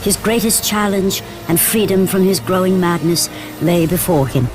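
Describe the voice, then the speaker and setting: A woman narrating an epic video game as a grave storyteller of Greek tragedy, measured and dramatic. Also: fairly low pitch, lightly acted, rough recording. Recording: orchestral game music behind.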